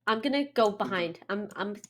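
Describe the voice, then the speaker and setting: A woman's voice: medium pitch, animated, moderate pace. A woman talking in casual, playful table chat as a player in a tabletop fantasy game.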